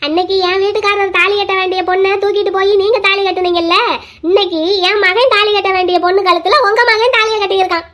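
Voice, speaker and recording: Very high-voiced woman in a cartoon drama. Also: fairly even intonation, fast, a bit bright. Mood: argumentative. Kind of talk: cartoon family drama voice acting.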